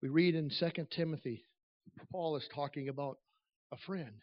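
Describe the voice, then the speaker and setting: A man's voice: a little high, fairly even intonation, normal speed, highs cut off. A man preaching an earnest, personal sermon at a pulpit microphone in a church, building to emphatic stresses.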